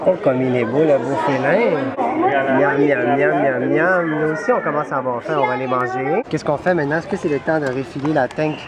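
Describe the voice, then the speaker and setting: A woman's voice: low-pitched, quick pace, few pauses. A woman with a Quebec French accent filming a family zoo outing, cooing and narrating to her young children. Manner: cooing, sing-song talk to toddlers. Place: outdoors at a busy zoo. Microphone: handheld camera. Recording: loud crowd chatter outdoors.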